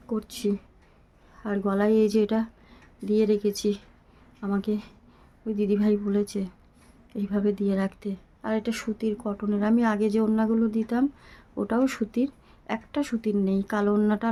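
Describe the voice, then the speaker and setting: A middle-aged woman who is unwell talks slowly and with effort to her channel's viewers from her home, speaking softly and from the heart. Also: medium pitch, slight background noise, rough recording. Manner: slow, soft-spoken and heartfelt. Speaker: vlogger. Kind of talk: casual talk to camera. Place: small room at home.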